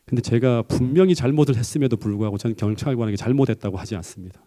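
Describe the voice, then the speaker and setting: A middle-aged man, a pastor, preaching a sermon and telling a personal story in an animated way that climbs to emphatic high peaks. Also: rapid-fire.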